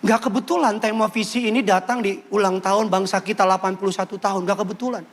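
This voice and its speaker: A male pastor with a notably high speaking voice, preaching with playful energy. He jokes with the congregation and slips into acted quotes before returning to his point. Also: fairly even intonation, fast talker. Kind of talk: lively sermon with comic asides.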